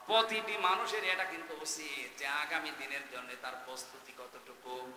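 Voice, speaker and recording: A man preaching a Bengali waz sermon, swinging from low intoning to loud shouted exhortation and chanting Arabic verses. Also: normal speed, roomy sound, long reverb tail, slight background noise. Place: large outdoor gathering.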